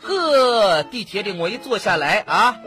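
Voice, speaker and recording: A woman co-hosting a radio comedy sketch, delivering exaggerated, boastful lines with drawn-out particles. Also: mid-range voice, sing-song, fairly bright tone, soft background music. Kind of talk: comic radio sketch and banter.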